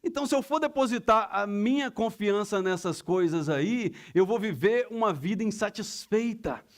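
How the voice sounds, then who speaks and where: A middle-aged pastor preaches in a relaxed, conversational way. His voice sits fairly high for a man. He drops into quick acted-out exchanges to make his points. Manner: conversational preaching, acts out everyday dialogues in quick asides. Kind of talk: sermon.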